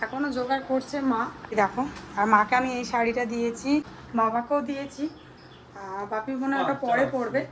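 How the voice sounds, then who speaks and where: Woman vlogger, hoarse, higher voice, faint room noise; chatty to camera. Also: fairly even intonation, a little fast. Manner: chatty, addressing viewers directly. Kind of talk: casual family vlog. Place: home, indoors with family.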